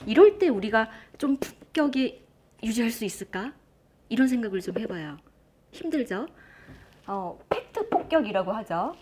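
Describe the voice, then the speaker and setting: On a stage in front of a live audience, a woman who lectures and writes books delivers an energetic motivational talk at a moderate pace, her voice a little high. She frequently throws questions out to the crowd.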